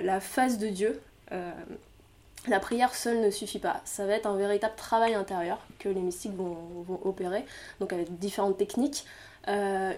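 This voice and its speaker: A woman lecturing to a class, working through each point out loud. She hesitates often, fills pauses and restarts her sentences, and her voice sits at an ordinary middle pitch for a woman. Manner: thinking aloud with many fillers and restarts; explanatory, laughs lightly at own remarks. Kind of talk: lecture on Quranic mysticism.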